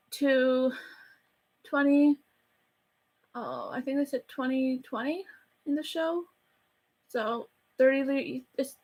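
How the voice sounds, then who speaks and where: High-voiced chatty woman rambling fast. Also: a bit bright, low-quality recording. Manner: chatty, rushed, self-deprecating, rambling. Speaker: YouTuber reviewing a movie. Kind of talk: casual rambling review. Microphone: camera facing her.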